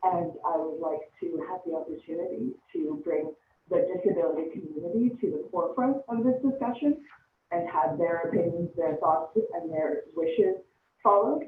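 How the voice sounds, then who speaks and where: A woman's voice: lowish voice, recorded from a distance, narrow, tinny audio, slight background noise. Woman on an echoey speakerphone line. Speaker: community organizer calling in to public comment. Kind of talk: prepared public comment.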